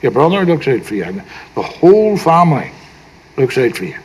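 An older man with a Northern Irish accent playing a gentle, wise, teasing grandfather in a film drama, soft-spoken and wry. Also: medium pitch, sing-song, brisk, slightly rough, low-quality recording.

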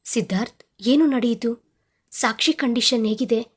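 Anxious older father, read by a woman, storybook role, husky voice, fairly high. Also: measured pace. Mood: alarmed. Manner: alarmed, then angry.

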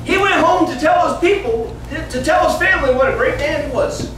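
Speaking fairly quickly in a very high-pitched voice, a man in his fifties gives children a theatrical Bible story, performing the dialogue in simple words. The small indoor classroom sounds roomy and noisy, since the camera recording it sits several metres away.

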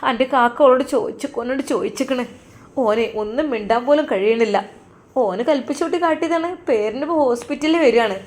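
A woman's voice: on the high side, fast talker, lightly acted. A woman voicing a protective, indignant middle-aged mother in a storybook tale, scolding and comforting, with a Malappuram Malayalam accent.

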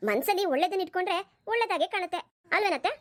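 A mischievous young cousin plays coy and teasing in this cartoon, voiced by a woman. Her voice is high and quick. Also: lively intonation. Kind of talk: cartoon voice acting.

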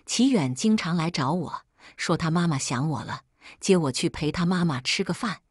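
A woman narrating a first-person story in an even, unhurried reading. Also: on the low side, slightly rough, no room sound, studio quality.

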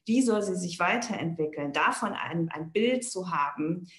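A woman's voice: fairly low pitch, lively intonation, moderate pace, a bit bright, roomy sound. A woman architect giving a conference keynote over a video call, talking in a thoughtful, loosely structured way with frequent "ähm" and checking "ja?".

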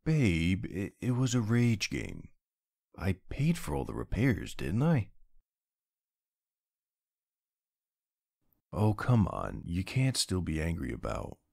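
A man's voice: low-pitched, wildly swooping pitch, measured pace, vocal fry, darkish tone, no room sound, studio quality, heavily acted. A man playing a young streamer boyfriend in a role-play, chatting casually in a playful, teasing, easily flustered and affectionate way. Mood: flustered, defensive. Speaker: roleplay voice actor.

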